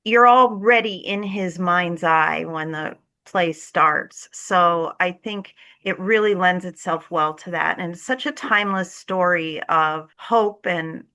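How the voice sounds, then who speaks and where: Pitched a little low, this woman's voice is bright and forward. Interviewed as a theatre director, she speaks conversationally, earnest and enthusiastic about her work, talking slowly with hardly any pauses.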